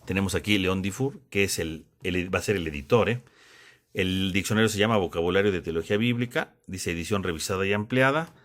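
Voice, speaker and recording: Low-voiced man explaining patiently. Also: brisk, fairly bright tone. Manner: explanatory, repeats points with tag questions. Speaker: theology teacher. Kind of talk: classroom lesson.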